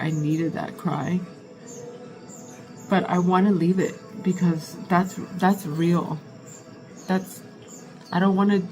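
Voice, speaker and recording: A woman's voice: fairly low pitch, darkish tone, low-quality recording. A woman talking casually and candidly to her own vlog, often stopping, restarting and interrupting herself as she thinks aloud. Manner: halting, self-interrupting, candid. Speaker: vlogger recording herself. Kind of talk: casual confessional vlog talk.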